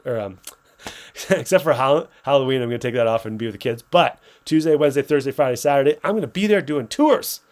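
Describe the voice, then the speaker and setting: A man with a mid-pitched voice hosts a live giveaway announcement with upbeat sales chat. He talks casually and unscripted, reading out comments from viewers and replying to them as he goes. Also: darkish tone. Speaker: business owner hosting a livestream giveaway.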